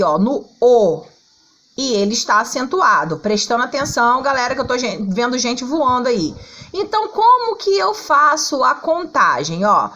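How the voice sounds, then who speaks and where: A woman's voice: on the high side, pushed and bright, low-quality recording. A woman teacher with a Brazilian accent, patiently explaining a lesson to schoolchildren and singing out syllables to show the stress. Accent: Brazilian Portuguese. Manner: checks in often with "tá?" and "ó".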